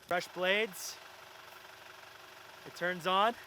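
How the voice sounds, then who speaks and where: Lively high-pitched man, noisy outdoors. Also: drawn-out words. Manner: playful, jokey, exclamatory. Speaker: guest on trip. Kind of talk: casual banter.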